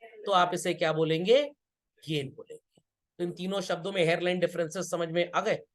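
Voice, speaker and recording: A man's voice: high voice, fairly even intonation, moderate pace. A man teaching an accountancy lesson, who keeps asking his students whether they have understood and repeats his key points. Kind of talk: classroom lecture.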